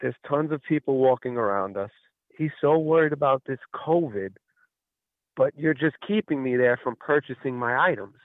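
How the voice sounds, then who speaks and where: A man calls in to a radio show and tells a long, rambling story, acting out what everyone said. His voice sits at an ordinary middle pitch and comes through a tinny phone line. The sound is dry and close. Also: expressive, normal speed, no echo. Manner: rambling storyteller who acts out quoted exchanges. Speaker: caller. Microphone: telephone.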